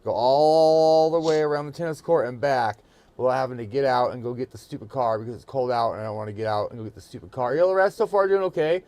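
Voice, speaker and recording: A fast-talking man with a mid-pitched voice gives casual running commentary. He is excited and slangy, swearing freely as he goes. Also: dry recording. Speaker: FPV RC car video creator.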